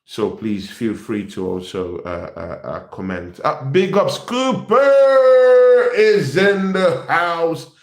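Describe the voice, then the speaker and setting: A young man from Nigeria hosting a football channel in casual live-stream chat, animated and repetitive, calling his viewers "people". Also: a little high, slow pace, roomy sound.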